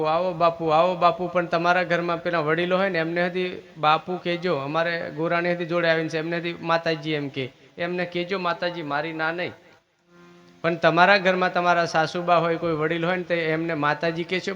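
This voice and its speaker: High-voiced man preaching over soft music. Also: highs cut off. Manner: preachy, asks listeners questions. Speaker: religious teacher. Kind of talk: village sermon with devotional singing.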